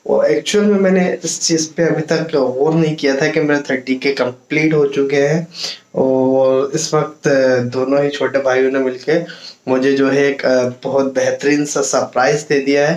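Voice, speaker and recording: A man in his thirties thanking viewers in a casual home vlog, speaking in a grateful, slightly halting way. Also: medium pitch. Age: 30s. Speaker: vlogger. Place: indoors at home. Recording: echoey room, light hiss.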